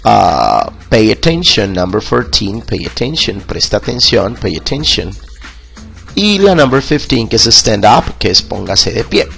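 A male teacher with a low, gravelly voice leads a bilingual vocabulary lesson at an unhurried pace. He says each classroom phrase slowly and repeats it before translating. Faint music plays behind him. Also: wildly swooping pitch, a bit bright. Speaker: English teacher.

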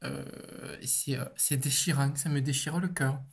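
A man's voice: medium pitch, steady tone, moderate pace, gravelly, husky. A young man, an author, answering interview questions in a casual, chatty way, with frequent fillers and the odd swear.

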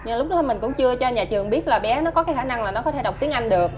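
Woman, Southern Vietnamese accent, slightly high voice, hesitant, polite, filler-heavy speech. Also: expressive, racing, darkish tone, faint music behind. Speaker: mother of the child, interviewee. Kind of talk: casual interview answers.

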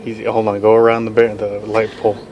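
A man's voice: on the low side, completely flat delivery, quick pace, dull audio. A man giving casual driving instruction in short, repeated directions from inside a car. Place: inside a car in a parking lot. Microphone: handheld camera from passenger seat. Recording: noisy moving car interior.

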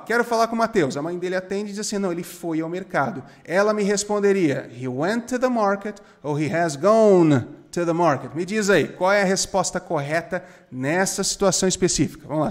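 A young man from Brazil teaches an English grammar point in a relaxed, conversational way. His voice sits a little high for a man, and he keeps the energy up by stressing words and throwing questions at his viewers. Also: moderate pace. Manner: lively, emphatic, asks the viewer questions often. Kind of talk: casual spoken grammar lesson.

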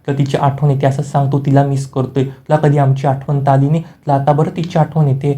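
A man's voice: medium pitch, flat delivery, a little fast, mellow, close to an everyday voice. A man voicing a teasing, pushy younger sister within a spoken serial recap. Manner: chiding, needling.

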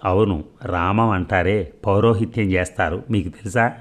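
A shy, earnest young village boy, voiced by a man in a storybook. He speaks timidly yet sincerely, and the voice stays low and deep, close to the reader's own. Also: moderate pace.

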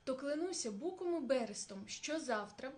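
A woman voicing a fierce, hungry male bear who shouts threats. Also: sits high, animated, moderate pace. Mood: angry.

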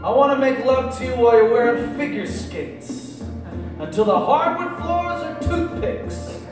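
Performing spoken word poetry in a small club, this man in his thirties mixes readings with casual banter into a stand-mounted stage mic. His voice is very high-pitched with lively intonation and a measured pace, picked up from a distance. The live PA sound is echoey, with music playing underneath.

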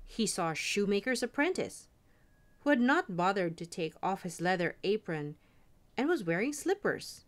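Expressive woman reading a fairy tale. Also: mid-range voice, moderate pace. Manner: expressive, animated storytelling. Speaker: storyteller.

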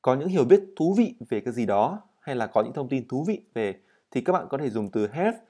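A man teaching an English vocabulary and pronunciation lesson. He says English words slowly and clearly, then explains them quickly. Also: medium pitch, sing-song, warm tone.

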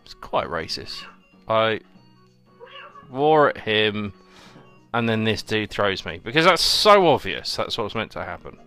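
A man's voice: on the low side, very animated, normal speed, bright, forceful tone. A young man giving chatty, sarcastic commentary while he plays a video game and talks to his viewers. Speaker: host playing a video game. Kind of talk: let's play commentary. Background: faint game music.

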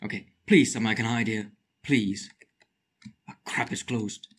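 A man with a slight lisp, giving excitable let's play commentary, muttering to himself and shrieking at wins and scares. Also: on the low side, normal speed, husky. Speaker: gaming channel host.

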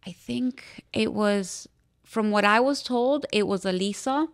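A young woman with a Miami accent speaks as a podcast interview guest, recounting her own experiences. Her voice is smooth and clear, sitting at an ordinary pitch for a woman. She talks candidly and haltingly, with frequent fillers and restarts. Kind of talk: personal testimony in a podcast interview.

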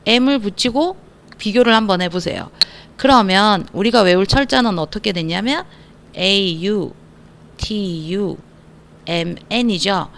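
A woman teaching English spelling to young students in an online lesson, playful and energetic, joking as she spells words out slowly. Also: medium pitch, vocal fry. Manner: playful, energetic, self-mocking asides; slows down to spell letters out.

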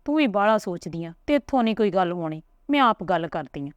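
Woman doing a hurried, pushy aunt. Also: mid-range voice, lively intonation, no echo, lo-fi sound, lightly acted. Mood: insistent. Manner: hurried, pressing. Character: scheming middle-aged aunt, quick and insistent.

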